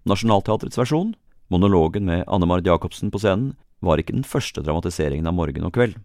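A male podcast host narrating a scripted episode with a deep, gravelly voice. His pitch rises and falls a great deal as he tells the story with a lively, wry touch, recorded dry in a studio. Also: no room sound.

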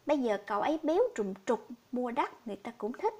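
A woman's voice: fairly high pitch, lively intonation, quick pace, a little mellow, slightly rough. A woman voicing a poor, grieving old village man who speaks sorrowfully and pleadingly.

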